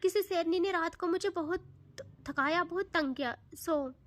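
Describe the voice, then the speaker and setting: A woman's voice: very high voice, a little slow, a bit bright. A woman voicing a possessive, doting young woman in love, teasing and affectionate.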